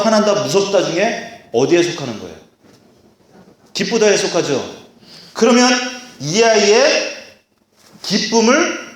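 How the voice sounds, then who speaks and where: A man preaching a sermon to a congregation, animated, acting out scolding parents in a raised voice. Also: sits high. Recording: echoey hall.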